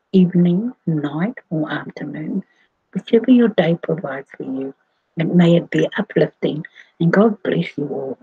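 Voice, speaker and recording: A woman, talking slowly to her viewers in a rambling way, with many fillers and restarts. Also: fairly low pitch, dull audio. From New Zealand. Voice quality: husky. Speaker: vlogger. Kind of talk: casual monologue to camera.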